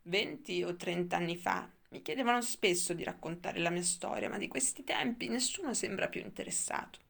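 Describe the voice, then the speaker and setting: Woman reading as a gravelly, lecturing old grandfather. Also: on the low side, animated, normal speed, fairly bright tone, heavily acted. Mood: lamenting. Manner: wistful, lecturing. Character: rambling old grandfather, last of civilization.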